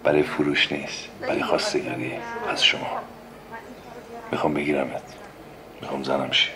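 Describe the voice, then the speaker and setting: A man's voice: medium pitch, a crowd in the background, close to an everyday voice. An actor playing a brash young male suitor who talks with bold, lecturing insistence. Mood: coaxing. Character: cocky young male suitor, pushy and preachy. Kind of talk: comic screen acting. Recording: noisy background hiss.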